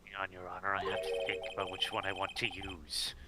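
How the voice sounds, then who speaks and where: A man playing a reluctant, deadpan prosecutor in a comedic game voice-over. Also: sits low, a little fast, heavy background noise, natural voice. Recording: loud music over the voice.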